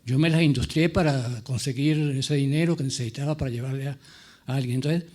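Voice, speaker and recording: A man from the Latin American mountain highlands, a novelist reminiscing in a halting, digressive way, often repeating his words. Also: warm tone. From rural mountain highlands of Latin America. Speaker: novelist on a panel. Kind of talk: rambling personal reminiscence.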